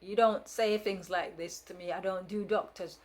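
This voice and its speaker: In a lowish, slightly mellow voice with fairly even intonation and a moderate pace, a woman in her fifties tells a story on camera. A vlogger whose first language is Jamaican Patois, she speaks casually and ramblingly, with many fillers, restarts and a firm, frank edge.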